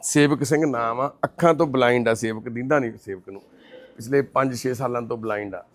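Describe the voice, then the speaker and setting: A man narrating a charity case in a gentle, measured manner. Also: medium pitch. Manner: gentle, consoling, measured delivery. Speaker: charity worker presenting a case. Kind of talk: documentary-style narration and on-site questioning.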